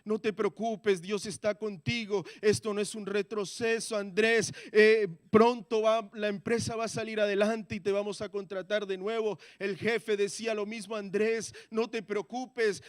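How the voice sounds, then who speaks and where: A man giving a testimony in a church sermon, moving between quiet, hushed prayer and loud, impassioned pleas. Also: sits high, flat delivery, a little slow, hardly any pauses, no room sound, clean studio sound.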